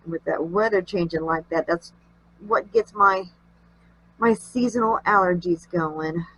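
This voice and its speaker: A woman's voice: lowish voice, unhurried, fairly bright tone, a little hiss or hum, low-quality recording. Nasal, congested woman chatting through a craft tutorial. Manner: chatty, homey, talks while working. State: congested from allergies. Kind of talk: casual craft tutorial narration.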